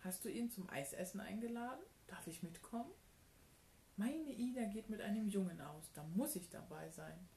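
A woman's voice: mid-range voice, animated, normal speed, mellow, echoey room, a little hiss or hum, close to an everyday voice. A woman reading as Rabatt, a cheeky fox. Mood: teasing. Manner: teasing, then reassuring. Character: curious, cheeky male fox companion.

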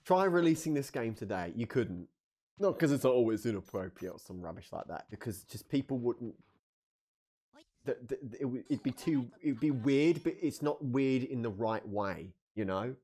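A man's voice: mid-range voice, animated, moderate pace, mellow, slightly rough. A British man giving casual gameplay commentary in a sweary, incredulous, jokey manner. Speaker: game streamer. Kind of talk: casual gameplay commentary, reading game dialogue aloud.

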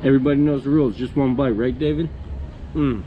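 Vlog host, male, mouth full of food, eager and chatty, street traffic clearly audible. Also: medium pitch, fast talker, phone-quality sound. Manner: enthusiastic, chatty. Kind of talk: casual food review vlog. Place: outdoor restaurant table. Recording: street traffic noise behind. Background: passing vehicles.

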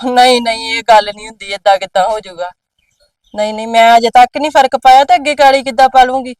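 A woman's voice: a little high, fairly even intonation, fast talker, dry recording, recorded from a distance, close to an everyday voice. A woman playing a bossy, scheming mother. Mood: sweet-talking. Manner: bossy, sharp scolding. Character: domineering, scheming mother scolding her own mother. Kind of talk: amateur drama acting.

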